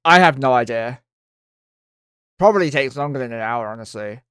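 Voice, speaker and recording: A man's voice: medium pitch, lively intonation, normal speed, a bit bright, smooth, no echo, clean studio sound. A man giving casual live commentary on a game stream, thinking aloud and swearing freely.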